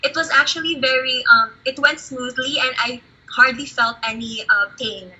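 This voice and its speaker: A woman speaks as a pageant candidate, earnest and encouraging. Her voice is high, very bright and breathy. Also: normal speed, muffled recording. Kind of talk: interview answer.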